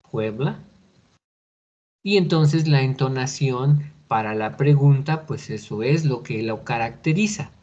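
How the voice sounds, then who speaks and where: A man teaching an English grammar class in a patient, deliberate way, often checking in with listeners. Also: mid-range voice, darkish tone. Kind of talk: recorded online class explanation. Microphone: computer mic on a video call. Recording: dull lo-fi video call recording.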